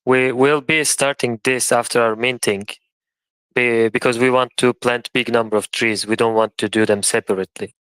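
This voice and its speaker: Man, thirties, chat guest; smooth clear voice, dry and close; eager explainer. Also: medium pitch, fairly even intonation, moderate pace, fairly bright tone, no echo, rough recording. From Romania. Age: 30s. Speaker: guest from a charity project. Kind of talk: casual chat on a live audio stream.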